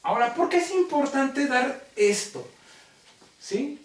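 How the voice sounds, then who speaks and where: A man with a Mexican accent teaching a logic class, talking deliberately and constantly checking that students follow. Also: very high-pitched, lively intonation. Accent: Mexican Spanish. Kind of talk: classroom lecture. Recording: roomy classroom, mic far off.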